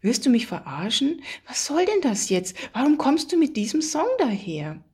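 A woman's voice: mid-range voice, animated, moderate pace. Woman voicing an anxious, reproachful young woman. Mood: indignant. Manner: worried, reproachful. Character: anxious, prim young woman driving, easily indignant.

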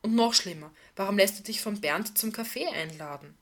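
A woman's voice: medium pitch, moderate pace, fairly bright tone, natural voice. A woman reading the part of a tense, defensive woman, with curt, exasperated lines. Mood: sharp.

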